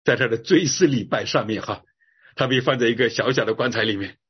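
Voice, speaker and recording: A man's voice: mid-range voice, brisk, breathy edge, highs cut off. A man preaching a sermon, telling a story earnestly and drawing his phrases out, ending with a prayer. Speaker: pastor.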